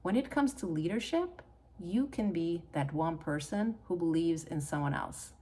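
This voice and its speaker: With a low, dark voice that carries a breathy edge, a middle-aged channel host from Hungary speaks expressively at a moderate pace. Her Hungarian-accented talk to camera is personal, earnest and encouraging.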